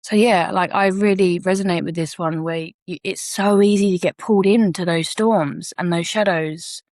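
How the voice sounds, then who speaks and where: A woman's voice: on the low side, fairly even intonation, moderate pace, darkish tone, no echo, clean studio sound. A woman co-hosting a podcast, telling a personal story frankly and reflectively and swearing casually. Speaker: podcast co-host.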